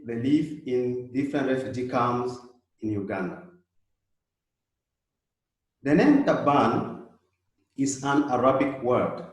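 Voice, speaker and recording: South sudanese-born guy in his 30s, slow thoughtful talk, really echoey room. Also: mid-range voice. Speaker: guest speaker, Jesuit. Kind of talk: prepared talk.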